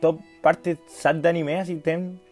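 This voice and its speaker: Soft music plays under a late-teen Chilean vlogger as he tells a rambling story at his own expense, slangy and acting out each line of dialogue in a Chilean Spanish accent. His fairly high voice shows little pitch movement, and his pace is measured.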